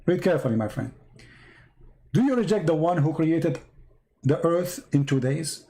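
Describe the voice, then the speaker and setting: A man's voice: a little high, expressive, normal speed, dark tone. A man, not an English speaker and losing his voice, hosts a live debate, reading out verses and pressing a caller with repeated questions. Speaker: debate host.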